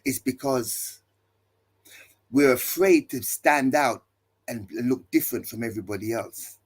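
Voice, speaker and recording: A man's voice: mid-range voice, a little slow, husky. A male pastor preaching to listeners, building his points with emphatic repeated refrains and rhetorical questions. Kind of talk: preaching talk.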